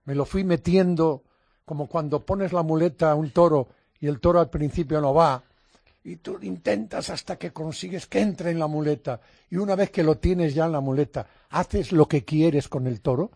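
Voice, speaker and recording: Older male radio interviewer, slightly raised pitch, husky, lively anecdotes. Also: moderate pace, no echo, clean studio sound. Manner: animated storyteller. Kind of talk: casual radio chat.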